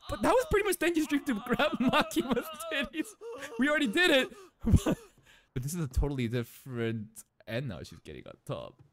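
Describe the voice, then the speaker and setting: A young man in his twenties giving excited reaction commentary from a small room, close to a boom mic, laughing and breaking into shouts. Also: brisk. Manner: animated, laughing, shouts in bursts. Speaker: anime reaction streamer. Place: small room indoors, in a gaming chair. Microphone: studio mic on boom arm, close.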